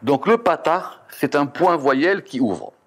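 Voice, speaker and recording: A man's voice: a little high, lively intonation, measured pace, breathy edge. A man teaching a Kabbalah text lesson, reading Hebrew letter and vowel names and explaining them, often stopping to correct himself. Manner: reads Hebrew terms then explains in French, self-correcting.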